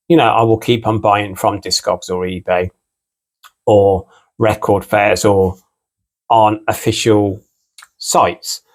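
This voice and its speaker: A British man with a mixed English and Irish accent, a record collector hosting his own channel and chatting casually. He rambles and keeps repeating "again" and "you know.". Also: fairly low pitch. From United Kingdom. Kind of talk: casual unscripted vlog talk.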